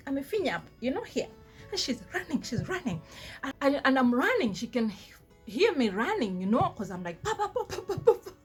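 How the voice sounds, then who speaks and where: A Kenyan woman vlogger with a Kenyan accent, telling a story casually, laughing often and mixing in Swahili. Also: fairly high pitch. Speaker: vlogger, flight attendant.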